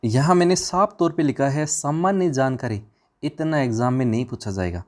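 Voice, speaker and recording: A man's voice: medium pitch, moderate pace, darkish tone. A man teaching an exam revision class, firing questions at the students and answering them himself in a chatty, informal way.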